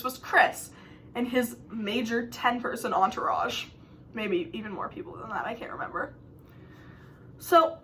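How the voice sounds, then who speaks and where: Bright, high-voiced young woman telling stories. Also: slight background noise. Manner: chatty, dramatic, swings between loud and hushed. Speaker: vlogger. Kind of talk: storytime vlog, casual storytelling.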